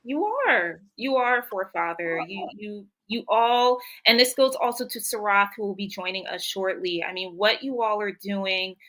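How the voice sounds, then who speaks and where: A woman's voice: mid-range voice, moderate pace, hardly any pauses, bright, forceful tone, low-quality recording. A woman moderating a livestream panel as host, speaking in an effusive, encouraging way.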